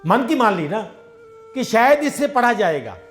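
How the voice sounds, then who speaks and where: Very high-pitched and very animated, the man speaks at normal speed with faint music behind him. A satsang preacher, he gives a devotional sermon of everyday parables, told conversationally with the dialogue acted out in his own voice.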